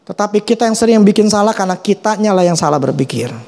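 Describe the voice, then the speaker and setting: A middle-aged man preaching, his voice sitting a little high for a man. He talks in loose, slangy speech, swinging his pitch up and down with lively animation. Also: quick pace, vocal fry, a little hiss or hum. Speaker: pastor. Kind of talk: sermon.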